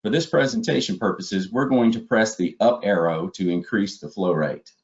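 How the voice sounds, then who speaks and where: A man with a lowish voice, speaking at normal speed, narrates an instructional slide presentation as a webinar trainer, methodical and step by step. The audio is dull and lo-fi, typical of a webinar.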